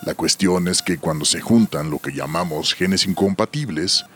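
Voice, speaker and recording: A man's voice: deep voice, moderate pace, a bit bright. A man acting a grave doctor and storyteller in an audio drama, with a solemn, scripted delivery.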